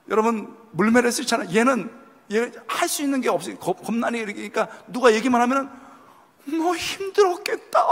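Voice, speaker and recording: Korean pastor guy preaching, high voice jumping all over, big echoey church hall. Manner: animated storytelling, acting out people's lines. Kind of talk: sermon at a youth retreat. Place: church sanctuary. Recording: long hall reverb.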